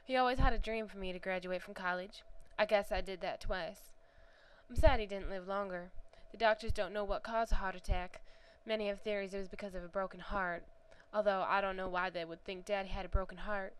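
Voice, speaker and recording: A woman's voice: medium pitch, fairly even intonation, brisk, clean tone, close to an everyday voice, low-quality recording. A woman voicing a grieving young woman from the American South, reading a first-person story in a Southern accent with a reflective, earnest manner. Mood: wistful.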